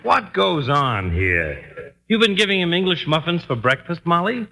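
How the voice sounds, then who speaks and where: An acerbic, easily provoked doctor from an old radio comedy, grand and florid in his jibes. His rather high voice rises and falls dramatically on a noisy vintage recording. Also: very animated, normal speed, creaky. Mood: sarcastic. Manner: wisecracking, mock-indignant, florid.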